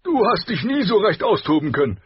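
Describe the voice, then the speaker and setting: A boisterous middle-aged king, bawdy and boastful, as a male narrator puts him on. His voice jumps high and booms with hearty force. The audiobook recording is dry and a little dull. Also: big pitch swings, brisk, husky, no room sound, heavily acted. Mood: teasing. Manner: loud, hearty, laughing, boastful.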